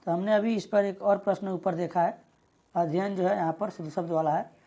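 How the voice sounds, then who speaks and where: A woman teaching an exam prep lesson, reading out each question and its options and explaining the answer at a steady pace. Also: fairly low pitch, brisk, husky.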